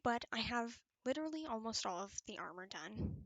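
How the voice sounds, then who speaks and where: A woman's voice: a little high, lively intonation, fairly quick, fairly bright tone, no echo, lo-fi sound. A young adult woman chatting casually as she narrates her gameplay, in a rambling, informal, self-effacing way. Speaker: video creator narrating gameplay. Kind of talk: casual gaming chat. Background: background music.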